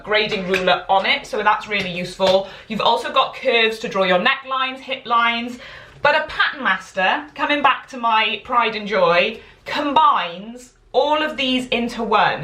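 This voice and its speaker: Speaking with a Welsh accent, a sewing teacher gives a chatty live tutorial from her home, friendly and encouraging and prone to wandering off on tangents. Her voice is fairly high, bright and forceful, and the room echoes.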